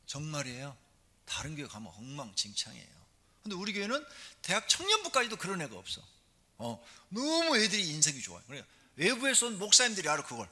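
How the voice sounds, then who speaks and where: A middle-aged male pastor giving a lively, conversational sermon in church, full of rhetorical questions. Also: on the high side, slightly rough. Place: church sanctuary.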